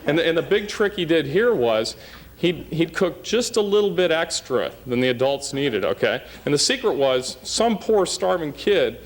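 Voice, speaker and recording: A man's voice: a little high, big pitch swings, normal speed. A man giving a humorous, anecdotal after-dinner tribute speech as a scout troop leader in a banquet hall. He often tags his sentences with "okay?".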